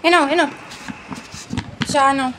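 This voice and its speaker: A young woman chatting casually to her viewers as friends in a home vlog, filmed on a phone at home. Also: takes it slowly. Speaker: home vlogger. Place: family home. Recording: noisy home recording.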